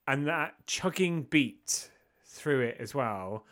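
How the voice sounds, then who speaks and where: Bright-voiced enthusiastic man. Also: mid-range voice, expressive, slow. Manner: enthusiastic, gushing. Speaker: podcast co-host. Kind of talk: casual music review chat.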